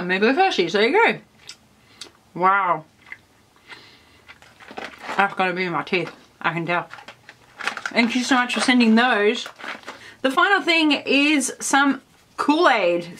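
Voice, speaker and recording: A woman's voice: medium pitch, a bit bright. An Australian woman chatting enthusiastically in a casual food taste-test vlog, full of "like" fillers. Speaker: food vlogger. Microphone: camera on tripod.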